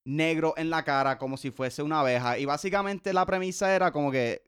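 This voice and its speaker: A young Puerto Rican man, a comedian co-hosting a casual podcast chat, speaking haltingly and repeating words as he searches for them. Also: on the high side, a bit bright, clean tone. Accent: Puerto Rican Spanish.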